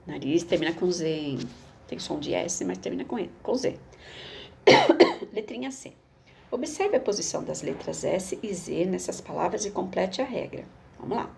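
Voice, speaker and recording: A woman's voice: on the low side, gravelly, darkish tone, slight background noise. A woman teacher, reading a schoolbook aloud and explaining it patiently to young children. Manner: patient, explains slowly, repeats words for children.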